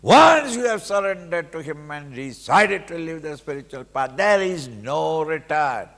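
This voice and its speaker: A man's voice: a little high, sing-song, a little slow, a bit bright. A man with an Indian accent giving a dramatic spiritual discourse as a teacher, emphatic and full of rhetorical questions. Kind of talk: animated sermon with acted-out examples. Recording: reverberant hall with long echo.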